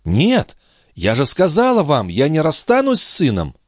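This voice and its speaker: Guy reading as a frantic young noble mom, high pleading voice, lots of swing, dry close sound. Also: huge pitch swings, moderate pace, no room sound. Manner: pleading, rising to shrill commands. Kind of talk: audiobook character reading.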